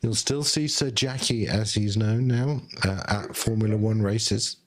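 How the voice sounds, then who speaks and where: A man, a technology executive, speaking as a podcast guest in a measured, wry way. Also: on the low side. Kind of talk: casual podcast chat.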